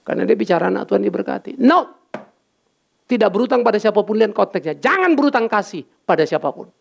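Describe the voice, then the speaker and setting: A man preaching a lively sermon as pastor, bantering with his congregation and dropping in English words. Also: high voice, racing, vocal fry. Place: church.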